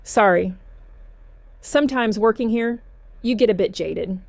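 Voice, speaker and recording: A woman's voice: mid-range voice, a little slow, vocal fry, no room sound. Woman narrator doing a blunt police desk clerk, jaded, matter-of-fact, audiobook reading, close dry mic. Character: small-town police desk clerk, gruff but softening.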